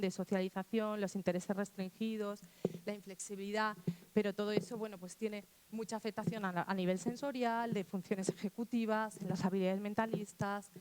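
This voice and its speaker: A woman's voice: medium pitch, a little mellow. A woman from Spain speaking to teachers in a conversational talk, often acting out quotes from children and restarting her sentences. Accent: Spanish.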